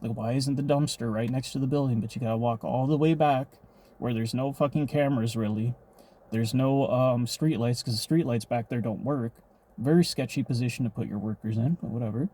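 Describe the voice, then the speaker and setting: A man's voice: mid-range voice, brisk, dark tone. A man telling a personal story in a rambling, profane, casual vlog monologue.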